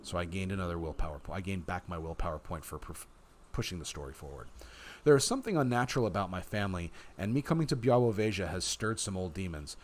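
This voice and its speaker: Male streamer, low and lively, narrating a story game and saying which options he picks. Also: fast talker, a little hiss or hum. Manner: reads game text and announces his choices. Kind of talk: reading a story game aloud.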